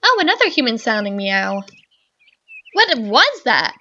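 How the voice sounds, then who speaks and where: A young woman hosts a let's play of a visual novel, reading the game text aloud dramatically and tossing in sarcastic, wry asides. Her voice is on the high side with a sharp tone and big pitch swings at a measured pace, and the recording is muffled.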